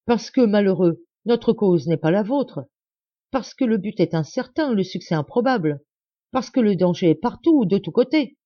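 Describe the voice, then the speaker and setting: A woman's voice: very animated, a little fast, few pauses, dry recording, lo-fi sound. A woman voicing an anguished young woman who pleads urgently with her father. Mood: pleading. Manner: pleading, high and intense.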